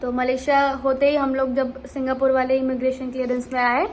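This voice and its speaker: A young woman vlogger casually telling a travel story, animated and full of restarts. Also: sits high, brisk, slight background noise. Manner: animated, many restarts and fillers.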